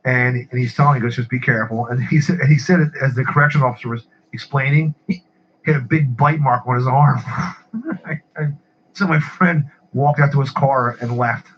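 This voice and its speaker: A man's voice: medium pitch, steady tone, a little fast. Rambling man telling a story, lo-fi. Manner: rambling, repeats words, laughs at own stories. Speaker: podcast regular. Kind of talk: casual storytelling chat. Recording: muffled lo-fi with faint hiss.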